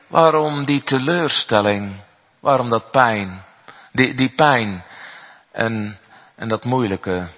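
A man's voice: medium pitch, slow pace. A man preaching a sermon as a pastor, earnest and full of rhetorical questions, in a church. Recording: echoey hall, dull sound.

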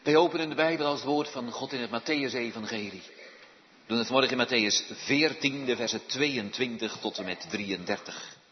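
A man leading a church service, praying, reading scripture in a solemn, measured voice and giving announcements. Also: medium pitch. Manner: solemn, measured reading in old-style Bible Dutch. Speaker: pastor. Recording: dull sound with long church reverb.

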